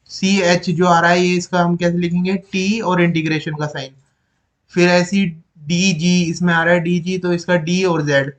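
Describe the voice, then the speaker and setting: A male teacher explaining phonetic symbols from his notes, repeating each sound slowly and going through them one by one. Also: sits high, fairly bright tone.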